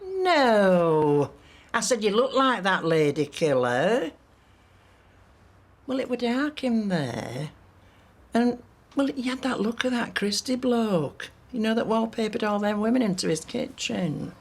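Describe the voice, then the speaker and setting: An actress playing a blunt, teasing working-class wife in a TV soap. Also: female voice, fairly high pitch, very animated, slow, exaggerated voice. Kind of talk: soap opera acting.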